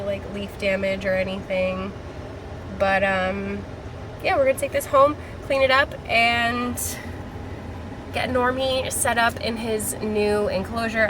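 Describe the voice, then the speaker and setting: A woman hosting a casual plant-shopping vlog, talking in a chatty, informal, slangy way. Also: medium pitch. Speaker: vlog host. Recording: background music, fan or vehicle hum.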